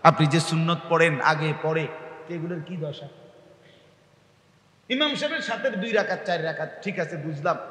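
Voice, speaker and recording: A man preaching a sermon in a mosque. He explains by putting questions to his listeners, and his speech swings from quiet explanation to impassioned shouting. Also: moderate pace, long pauses, roomy sound, in a large hall. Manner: impassioned, rising to shouts, then dropping low; explains by asking the audience questions.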